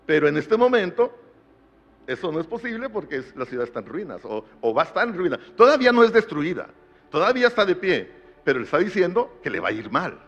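Middle-aged male pastor, animated, higher-pitched sermon voice; dull recording in a reverberant church hall. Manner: tells a family anecdote, rising to emphatic repetition.

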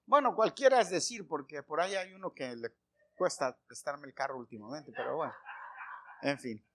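A middle-aged man preaching a sermon, telling homely stories and firing questions at the congregation, swinging from loud calls to quiet asides. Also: on the high side, moderate pace. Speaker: pastor.

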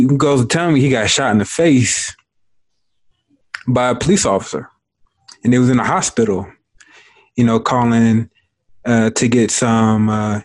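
A young adult man hosting an interview, talking casually with lots of fillers and informal slang. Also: mid-range voice. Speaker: interviewer, host. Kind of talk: casual conversation.

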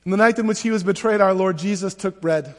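In a church sanctuary full of long reverb, a male pastor with a high-pitched voice leads prayers from the liturgy at the pulpit microphone, keeping a measured and solemn delivery.

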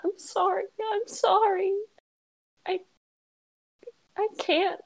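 A woman voicing a timid, tearful young woman who speaks softly and apologizes through trembling words. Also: sits high, little pitch movement, takes it slowly, vocal fry, voice pushed up, heavily acted, low-quality recording. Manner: soft, trembling, breaking apologies.

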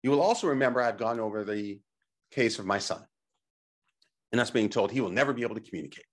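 A middle-aged man who presents and teaches on health technology gives a motivational slide presentation in an emphatic, coaching style, putting questions to the listener and checking in. His voice is on the low side and his pace quick.

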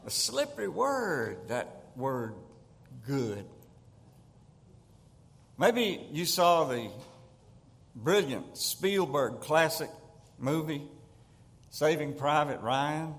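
Older Southern male pastor, unhurried and slightly high, folksy storyteller, church hall reverb. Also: sing-song, creaky, a bit bright. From Tennessee. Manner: storytelling, chuckles at his own jokes. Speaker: guest pastor. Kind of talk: folksy sermon with humorous stories. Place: church sanctuary.

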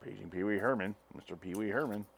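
A man doing a soft hotel paging announcer. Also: fairly low pitch, quick pace, gravelly, a little hiss or hum, pitched below the performer's own voice. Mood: hushed formal. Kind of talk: joking podcast banter.

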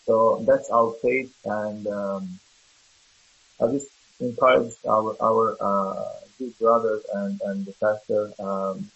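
A man, giving an earnest, halting testimony and prayer with many pauses. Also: lowish voice, flat delivery, gravelly, fairly bright tone, breathy edge, lo-fi sound. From Lebanon. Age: 30s. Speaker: church member giving testimony.

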